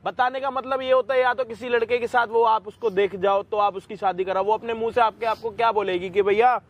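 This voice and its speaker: A man's voice: high voice, fairly even intonation, brisk. A man hosting a staged social experiment video, questioning people insistently and probingly in a park. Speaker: YouTube host intervening. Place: outdoors in a park.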